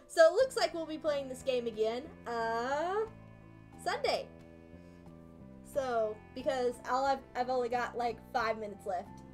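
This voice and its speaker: High-voiced chatty woman streaming a game. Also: expressive, unhurried, long pauses, a little mellow, soft background music. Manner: chatty, thinking aloud, self-deprecating. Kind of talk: casual gameplay commentary.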